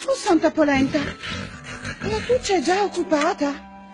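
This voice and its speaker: An actress playing a fussy, kindly, anxious palace maid in a children's TV fantasy, exclaiming theatrically. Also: female voice, high voice, lively intonation, takes it slowly, music in the background. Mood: anxious, flustered. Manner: exclamatory, talks to herself. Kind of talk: theatrical children's television acting. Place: indoor television studio set.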